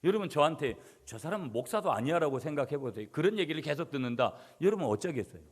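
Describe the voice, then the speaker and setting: A middle-aged man preaching a sermon as pastor, swinging between loud emphatic passages and quiet asides to the congregation. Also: a little high, expressive, fast, breathy edge. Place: church sanctuary. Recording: church hall reverb.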